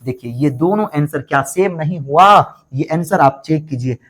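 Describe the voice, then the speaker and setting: A man's voice: on the high side, normal speed, fairly bright tone. A male math teacher explains a problem step by step. He keeps asking the class questions and answering them himself, repeating the key points. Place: online class, voice over board writing.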